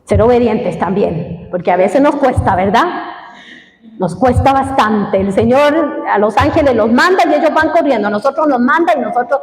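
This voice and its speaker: A woman's voice: fairly high pitch, moderate pace. A woman preaching a sermon to a congregation, telling a personal story with emotional, dramatic swings in her voice. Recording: echoey hall.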